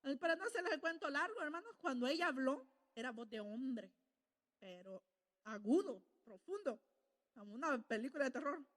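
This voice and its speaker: A woman's voice: sits high, big pitch swings, normal speed, a bit bright, in a large hall. A woman preaching a sermon, telling stories and asking the congregation questions she answers herself. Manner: storytelling, asks the congregation questions and answers them.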